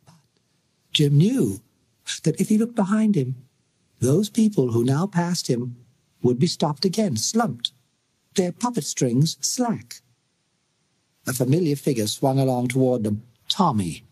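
British guy reading an audiobook, dramatic and measured, kinda husky, dry sound. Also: medium pitch, a little mellow, no echo. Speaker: audiobook narrator. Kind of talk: scripted narration.

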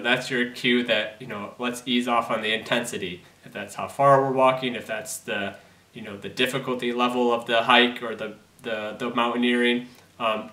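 A man's voice: medium pitch, sharp tone. Earnest man giving advice in a roomy studio. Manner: earnest, advisory, many fillers and restarts. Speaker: physical therapist. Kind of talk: educational talk to camera. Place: indoor studio against plain grey backdrop. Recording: roomy echo, somewhat distant mic.

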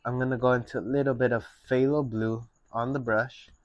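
A young man giving a relaxed, step-by-step painting lesson at his easel. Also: medium pitch, dry recording, highs cut off. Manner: slow, relaxed step-by-step instruction. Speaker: painting instructor. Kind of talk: painting tutorial.

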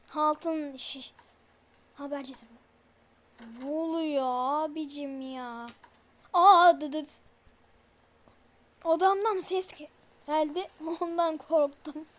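A young-sounding gamer giving nervous horror game commentary, stammering and muttering prayers to calm down. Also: high-pitched. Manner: mutters prayers when scared. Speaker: gameplay streamer.

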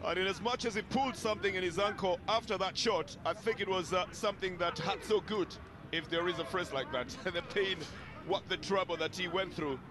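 Male football commentator, Kenyan accent, high register, measured descriptive delivery. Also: background noise. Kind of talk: live sports commentary.

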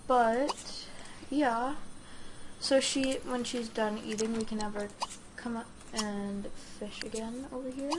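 A high-voiced woman with a sore throat chats through a video game. She talks slowly and hesitantly, rambling to herself. The home recording has clear background noise. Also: fairly even intonation. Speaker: gaming host. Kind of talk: casual let's play commentary.

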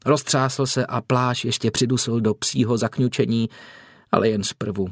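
A man narrating a historical novel in a measured, expressive audiobook read. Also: medium pitch, no room sound. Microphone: close studio mic. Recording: dry studio recording.

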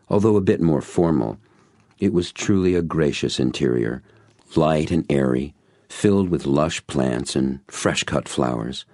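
Very deep gravelly man narrating. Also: no room sound, studio quality. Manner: storytelling, expressive. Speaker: audiobook narrator. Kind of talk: first-person audiobook narration.

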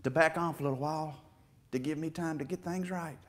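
A middle-aged man delivers a heartfelt sermon testimony in a church sanctuary with a stage, his voice swelling emphatically with an emotional edge. It's on the high side, fairly even in intonation and a little fast. A distant camera picks him up.

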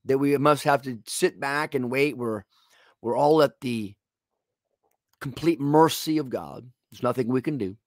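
Slow, earnest male TV preacher. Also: medium pitch, dry recording, studio quality. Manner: earnest preacher addressing the viewer directly. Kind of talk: televised sermon.

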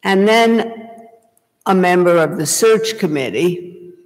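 An older woman preaching a sermon from a church pulpit, telling a story at a deliberate pace. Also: on the low side, lively intonation, a little mellow. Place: small church, indoors, at a pulpit. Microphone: gooseneck pulpit mic. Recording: long church reverb. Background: reverberant church hall.

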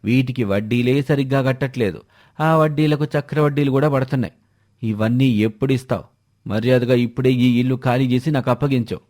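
A man's voice: mid-range voice, brisk, a little mellow, natural voice. A man voicing a harsh, bullying middle-aged village moneylender who scolds and makes demands.

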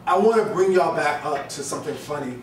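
Fairly high-pitched, lively, and fairly quick, this middle-aged man from New Jersey, New Jersey accent and all, cracks loose, profane jokes with the crowd during a spoken-word set in a small indoor brick-walled bar lounge. A far camera captures his stand mic with roomy live bar sound, a little hiss or hum, audience ambience, and laughter.

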